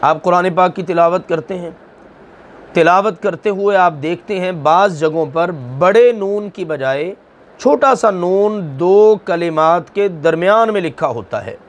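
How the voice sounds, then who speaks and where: High-voiced, slow, deliberate male teacher. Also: a little hiss or hum. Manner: slow, deliberate explaining, asking and answering his own questions; draws out recited examples syllable by syllable. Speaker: Quran teacher. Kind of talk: recorded tajweed lesson.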